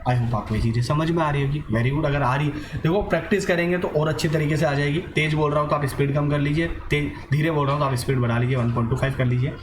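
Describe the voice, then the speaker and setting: A man's voice: fairly high pitch, fairly even intonation, quick pace, hardly any pauses, reverberant, background noise. A man teaching an online grammar lesson, asking and answering his own questions and mixing in English words.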